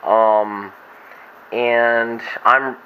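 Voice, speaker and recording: A hungover hobbyist vlogger does a casual, unscripted show-and-tell inside a wooden boat, rambling and trailing off mid-thought. His mid-range voice is steady and very slow. Recorded through camera glasses on his head, the sound is dull and lo-fi with faint noise.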